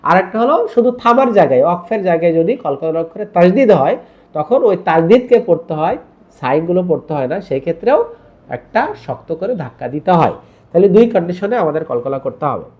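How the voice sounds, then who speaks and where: Guy giving a quran recitation lesson, bit high voice, breaks it down step by step and says sounds over for you to repeat, kinda muffled lo-fi audio. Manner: explains step by step, then repeats syllables for students to copy. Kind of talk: tajweed lesson with recitation drills.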